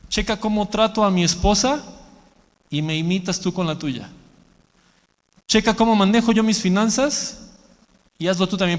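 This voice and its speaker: A man preaching a sermon as a pastor, animated, leading the congregation in repeating a verse. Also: sits high. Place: church hall. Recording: long church hall reverb.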